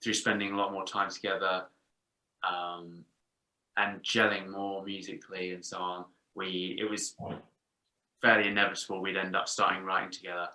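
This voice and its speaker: A man from England, a band member, telling the story of his band in a relaxed interview. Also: deep voice, normal speed. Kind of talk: casual interview answers. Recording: roomy echo.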